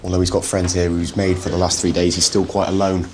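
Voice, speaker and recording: Low, flat-voiced male platoon commander. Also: fast. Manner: calm, reassuring, matter-of-fact. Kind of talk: direct talk and interview. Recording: background noise.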